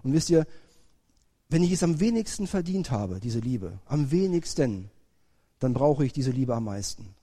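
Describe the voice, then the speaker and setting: A man preaching a sermon, first reading scripture slowly, then preaching with rising emphasis. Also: mid-range voice, very animated, dark tone, husky. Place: church. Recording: long reverb of a church hall.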